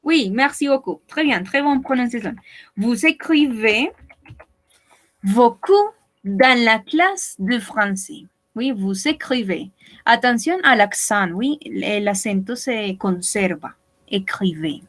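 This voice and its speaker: Lady teacher on a video call, kinda high voice, slow and patient, keeps checking everyone's following. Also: animated, fairly bright tone. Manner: patient, repeats and checks in with students. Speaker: French teacher. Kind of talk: online language class.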